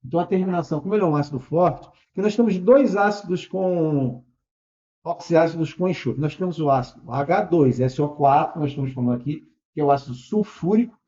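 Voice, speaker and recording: A man giving an explanatory online lesson as a chemistry teacher. He talks patiently, checks in often with tag questions and corrects himself out loud. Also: a little high, fairly quick. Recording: dull lo-fi recording.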